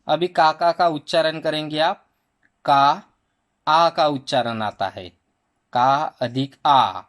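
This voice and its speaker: A man teaching a primary school Hindi lesson, slowly sounding out each letter and vowel sound for children. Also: a little high. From India. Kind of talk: slow spelling lesson for children.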